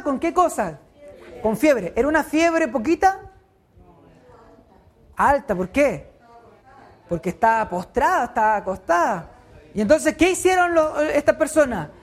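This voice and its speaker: High-voiced woman teaching Bible. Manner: asks the group questions and answers them herself.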